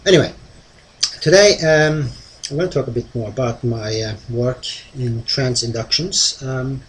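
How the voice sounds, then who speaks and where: A man with a mid-pitched voice talks to viewers as a hypnotist, explaining in a conversational way. His delivery is halting, broken by pauses and filler sounds. Ambient noise is clearly present behind him. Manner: hesitant, halting delivery with frequent long pauses and ums. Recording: clearly noisy ambient background.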